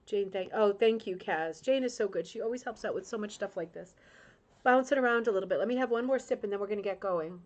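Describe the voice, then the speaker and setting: A middle-aged woman from Rhode Island, United States, hosts a crafting club livestream, reading out viewer comments and chatting casually and emotionally with frequent tag questions. Her voice is medium-pitched and darkish in tone, and she talks fast.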